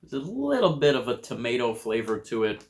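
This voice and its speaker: An American man giving a casual food review to camera in a measured, descriptive way, crunching and chewing chips between remarks. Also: medium pitch, big pitch swings. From United States.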